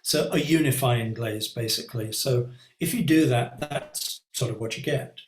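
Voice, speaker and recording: A man's voice: medium pitch, moderate pace, reverberant, noisy background. A male art teacher leading a live online painting class, talking in a reflective, conversational way with many ums and little asides. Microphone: computer mic on a video call.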